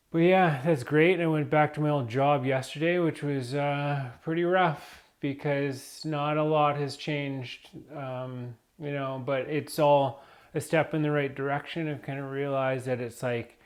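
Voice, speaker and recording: Slow, rambling man vlogging. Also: medium pitch. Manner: rambling, hesitant, many fillers and restarts. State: coughing from dust. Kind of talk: unscripted vlog talk.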